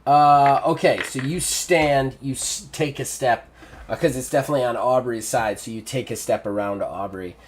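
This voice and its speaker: A man's voice: medium pitch, moderate pace, a little hiss or hum. A man narrating a tabletop game as game master, describing the scene in a rambling way with many fillers.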